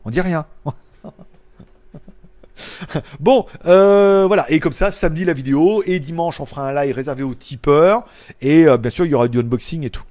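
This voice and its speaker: A man chatting casually on a live stream, reading viewers' comments and joking, loud one moment and mumbling the next. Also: a little high, normal speed, pauses often. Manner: loud, jokey, trails off into mumbles and chuckles. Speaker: tech YouTuber hosting a live stream. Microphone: small clip-on mic.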